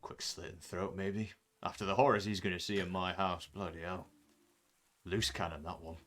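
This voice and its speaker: A gleeful male killer in a tabletop game, taunting his captors with a very low, deep voice, as a game master puts him on. He sounds smug and relishes others' misery. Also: level tone, moderate pace, a bit bright.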